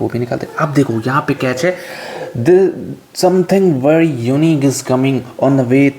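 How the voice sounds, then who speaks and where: A man teaching finance as a tutor, walking through worked examples step by step in a chatty way. He repeats steps in quick drills and adds joking asides. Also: medium pitch, a little mellow, a little hiss or hum. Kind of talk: screen-recorded worked-example lesson.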